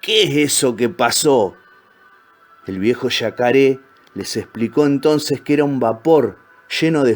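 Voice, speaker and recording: A man narrates a storybook with a calm, measured telling at a mid-range pitch. Soft, faint music runs quietly behind his voice. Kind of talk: storybook reading.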